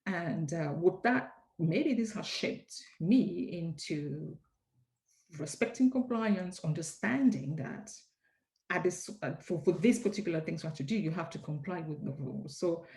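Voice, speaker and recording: A woman from Cameroon, giving measured, reflective answers as an interview guest, often pausing with hesitations. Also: on the low side, lively intonation, darkish tone, rough recording. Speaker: compliance consultant, interview guest.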